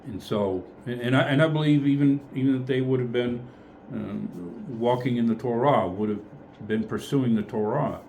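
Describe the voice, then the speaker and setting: A man's voice: mid-range voice, normal speed, a little mellow, a little hiss or hum. A man leading a casual group Bible study, thinking aloud in a tentative way and often correcting himself.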